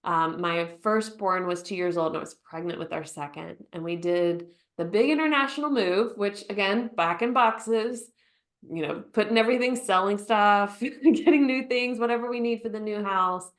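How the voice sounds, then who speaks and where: A woman, a therapist who is a podcast guest, telling her story in a lively way and playfully acting out remembered lines. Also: medium pitch, moderate pace. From United States. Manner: lively storyteller who acts out quotes with laughter. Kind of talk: conversational storytelling interview.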